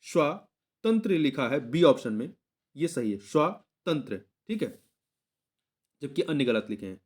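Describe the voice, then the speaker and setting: Young man, exam coaching teacher, slightly high voice, patient, repeats answers, self-corrects. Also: darkish tone. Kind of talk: explaining Hindi test answers.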